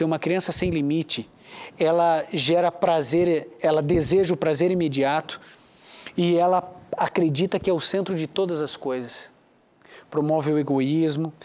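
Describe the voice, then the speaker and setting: A man's voice: fairly high pitch, darkish tone. A Brazilian man, a theologian and educator, addressing viewers in a preaching style, emphatic and full of rhetorical questions. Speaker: theologian and educator giving advice.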